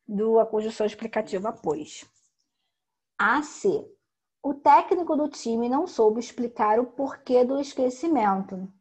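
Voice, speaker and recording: A woman teacher walks students through a grammar lesson. Her voice is somewhat husky and a little higher than average. She stresses each rule slowly and checks in often with quick tag questions. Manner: slow emphatic explaining with frequent tag questions.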